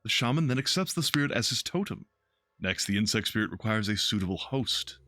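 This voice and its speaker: A man's voice: on the low side, animated, a little fast, bright, forceful tone, no echo, studio quality. A man voicing a theatrical, flamboyant male elf in a video game, speaking in a raised, playful, lecturing tone.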